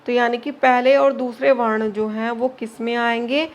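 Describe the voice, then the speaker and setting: A woman teacher runs an exam-prep grammar lesson in a voice on the high side, with a steady tone and moderate pace. She poses questions and answers them herself, checks in with short confirming tags, and slips English words into her explanations. The audio sounds dull.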